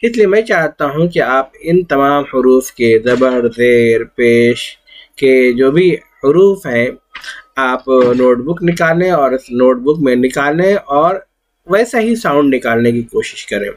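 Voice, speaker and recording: A man's voice: medium pitch, lively intonation. A man teaching an Urdu class, patiently drawing out each syllable in drills and repeating his points. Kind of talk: slow, patient classroom lesson.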